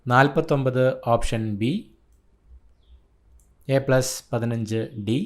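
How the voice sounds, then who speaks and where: Tutor from Kerala, male, mid-pitched, brisk clipped delivery of exam answers. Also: fairly even intonation. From Kerala, India. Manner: brisk, listing answers in short clipped phrases. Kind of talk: reading out an exam answer key.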